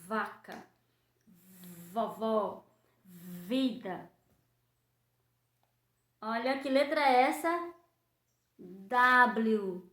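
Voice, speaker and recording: A woman teacher, giving a children's phonics lesson and sounding out letters slowly in a sing-song way. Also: high voice, a bit bright. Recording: echoey room.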